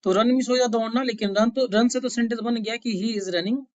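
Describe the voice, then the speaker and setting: A woman's voice: on the high side, steady tone, fairly quick, a little mellow. A woman English teacher giving a spoken lesson, explaining patiently, repeating words and checking that listeners follow.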